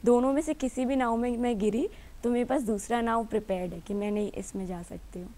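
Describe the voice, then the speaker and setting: A woman's voice: on the high side, a little fast, warm tone. A woman answering interview questions as an actress and entrepreneur, earnest and matter-of-fact.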